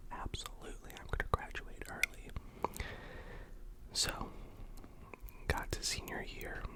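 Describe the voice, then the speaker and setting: A young adult with an American accent tells casual, self-effacing personal stories in an ASMR mukbang whisper, chewing while talking between bites. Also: low-quality recording. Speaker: video creator and actor.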